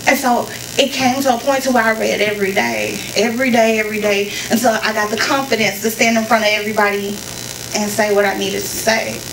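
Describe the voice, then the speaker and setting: A young woman with a fairly high voice talks to a concert crowd in a loose, conversational way, circling back to key phrases. She is picked up from a distance in a roomy live space, with faint room ambience under her. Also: fairly even intonation, a little fast, gravelly, background noise. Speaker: spoken word performer. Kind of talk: storytelling on stage before a performance. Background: faint audience ambience.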